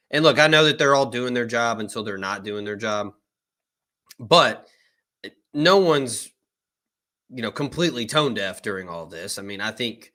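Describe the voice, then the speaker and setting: Guy on a live football show riffing about recruiting, opinionated, bright tone. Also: mid-range voice. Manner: opinionated, conversational, frequent fillers. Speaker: co-host, recruiting reporter. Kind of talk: casual live sports talk. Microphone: live stream remote setup.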